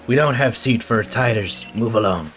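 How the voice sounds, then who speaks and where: A gruff gate guard from a video game, as a man puts him on, brusque and suspicious of strangers. The voice sits lower than normal talk, and faint music plays behind it. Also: expressive, moderate pace, a bit bright.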